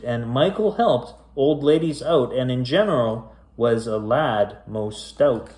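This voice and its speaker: With a mid-range, slightly mellow voice, a man performs a children's bedtime story in a theatrical, suspenseful, drawn-out style, tossing in casual asides. The sound is roomy and echoey.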